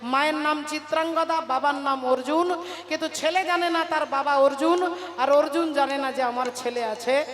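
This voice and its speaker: A woman's voice: sits high, fairly even intonation, normal speed. A woman kirtan performer narrating a devotional story to devotees in an emphatic, direct way. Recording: reverberant hall, faint music.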